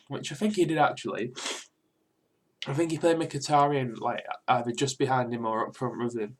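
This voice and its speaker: A young British man with a sore throat talking quietly but clearly in a casual, rambling, sweary football reaction vlog. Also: mid-range voice. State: mildly ill with a sore throat. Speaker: football fan video host.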